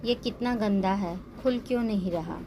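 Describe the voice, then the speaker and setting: A woman's voice: medium pitch, normal speed, noisy background, lightly acted. Woman doing a young woman, innocent, childlike, lonely, storybook voice. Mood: sad.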